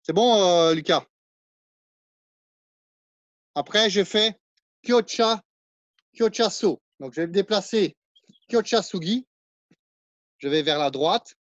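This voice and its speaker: A French-accented man leads a martial arts class, counting out and explaining each move as he demonstrates it. His voice sits high. The sound is dry and slightly dull, like a lo-fi recording. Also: slow, pauses often, no room sound. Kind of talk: live online class instruction.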